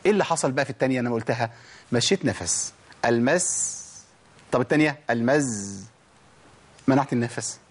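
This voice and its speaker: Egyptian man teaching Quran pronunciation. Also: medium pitch. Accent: Egyptian Arabic. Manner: explains with rhetorical questions, demonstrates sounds slowly and repeatedly. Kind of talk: tajweed lesson.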